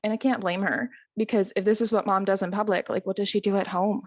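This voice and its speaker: A woman's voice: mid-range voice, fairly even intonation, fast talker, dry recording. A woman telling a long comic story in a stand-up set, chatty and self-amused, with frequent ums and little chuckles. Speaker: stand-up comedian.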